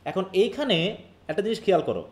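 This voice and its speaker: A man's voice: high voice, wildly swooping pitch, quick pace, darkish tone. A man from Bangladesh teaching English literature in a live online class. He explains step by step, mixes English terms into his speech and keeps quizzing his students.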